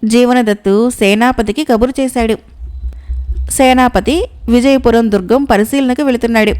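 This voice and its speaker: A woman narrating a folk tale audiobook with steady storytelling delivery. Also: on the high side, moderate pace.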